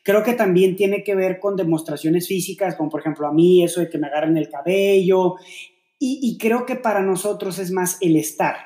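A man co-hosts a casual, faith-based podcast about relationships, speaking reflectively and explaining with many fillers and rhetorical questions. His voice is high and warm at a normal speed, recorded in an echoey room.

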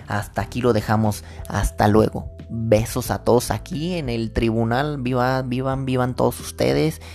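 A man's voice: medium pitch, creaky, a little mellow. A man with a Mexican accent hosting his own casual solo podcast, rambling and slangy, thinking aloud and drifting off topic, into his own microphone. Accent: Mexican Spanish. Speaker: podcast host.

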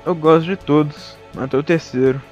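A young man co-hosting a podcast in casual chat, quick and joking. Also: a little high, lo-fi sound, soft background music. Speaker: podcast co-host.

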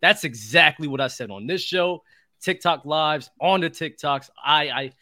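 Casual sports panelist: man, slightly high, sharp bright voice. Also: moderate pace, dry recording, studio quality.

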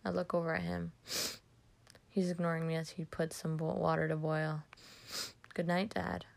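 A woman's voice: on the low side, gravelly, a bit bright. A woman reading a first-person dramatic story aloud, dropping to whispers at tense moments.

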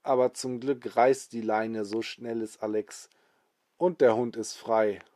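A man's voice: medium pitch, level tone, a little slow, darkish tone, no echo, clean studio sound. A man improvising a bedtime story for a child, with hesitations and sound effects.

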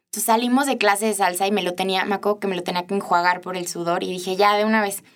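A woman's voice: medium pitch, fairly even intonation, quick pace. A young woman with a Mexican accent, chatting with her mother and telling a personal story with frequent laughs. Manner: warm storytelling, laughing often. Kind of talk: casual chat.

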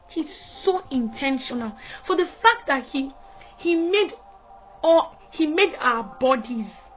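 A high-pitched woman delivers a fervent sermon, repeating her phrases and swinging between soft murmurs and sudden cries. Faint music plays underneath her voice. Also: low-quality recording. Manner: fervent, repetitive, breaks into laughter and shouts. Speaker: preacher.

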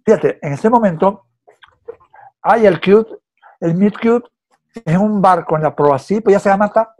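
A man's voice: sits high, unhurried, darkish tone. A man with a Venezuelan accent in casual film chat, hesitant and repeating words as he tells stories.

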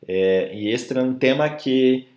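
A man teaching a group as a workshop facilitator, mixing Portuguese and Spanish within his sentences and halting as he searches for words. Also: mid-range voice, darkish tone. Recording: roomy echo.

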